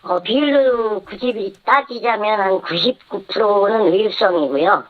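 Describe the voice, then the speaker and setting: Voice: medium pitch, measured pace. A former travel agency head giving a candid radio interview by phone, with the voice disguised electronically to keep the speaker anonymous. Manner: candid, matter-of-fact, short replies. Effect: voice disguised by electronic modulation for anonymity. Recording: dull lo-fi phone line.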